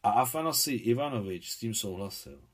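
A man reading a novel aloud, voicing a weary aging man who lives under a false name, in a quiet, confessional manner. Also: lowish voice, expressive.

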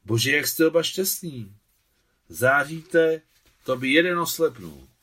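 A man reading aloud and voicing a composed middle-aged woman who speaks with gentle insistence. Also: medium pitch, lively intonation, close to an everyday voice.

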